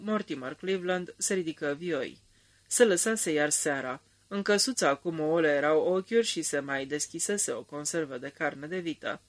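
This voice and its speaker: A man narrating a radio drama in a calm, measured storytelling manner. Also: on the high side.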